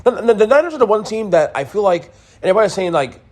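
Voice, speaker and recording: A man's voice: high-pitched, big pitch swings, fast, darkish tone. A man hosting a sports podcast, giving a casual, emphatic recap with blunt opinions and repeated points. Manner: emphatic, opinionated, repeats himself, mild swearing.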